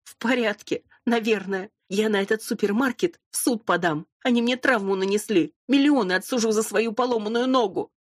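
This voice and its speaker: A shrill, high-pitched young blonde shoplifter, put on by a woman reading the story, loud and defiant. She squeals and protests in a husky audiobook voice on a dry, close recording. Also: moderate pace, few pauses, no room sound, natural voice. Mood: whiny.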